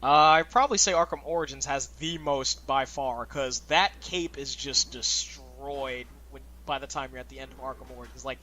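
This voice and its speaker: A man's voice: medium pitch, normal speed, few pauses, sharp tone, a little hiss or hum. A man hosting a let's play, giving loose, chatty commentary full of "like" fillers. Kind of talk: casual gameplay commentary.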